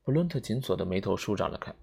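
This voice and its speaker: Low, gravelly male audiobook narrator. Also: animated, quick pace, mellow. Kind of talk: audiobook reading.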